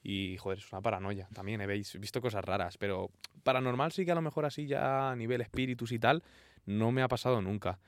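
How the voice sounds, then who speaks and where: A man's voice: on the low side, brisk, no room sound. A man hosting a casual podcast interview, asking chatty questions. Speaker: podcast host.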